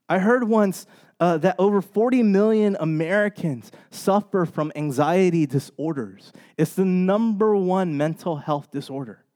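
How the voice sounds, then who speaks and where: Man, pastor, high voice, casual sermon, conversational, keeps asking "right?". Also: dark tone. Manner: conversational, often checks in with "right?".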